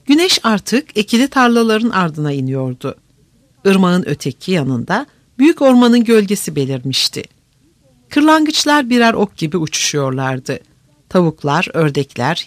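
Expressive audiobook narrator, dry close sound. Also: mid-range voice, no room sound. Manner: measured, expressive storytelling. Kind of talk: scripted narration of a novel.

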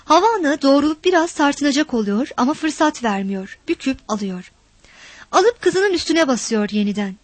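A woman reading a story aloud with expressive, dramatic narration. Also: high-pitched, normal speed, no room sound.

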